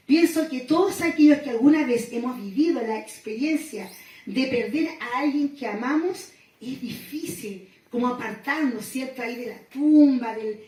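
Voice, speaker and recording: High-voiced woman preaching in an echoey room. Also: a little mellow, far from the mic. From Chile. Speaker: pastor. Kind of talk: sermon reflection. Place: small gathering room.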